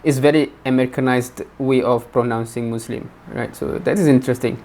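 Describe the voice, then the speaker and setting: A man's voice: medium pitch, fairly even intonation, brisk, darkish tone. A man commenting on a video, hesitant and thinking aloud. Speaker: reaction video host. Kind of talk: reaction commentary.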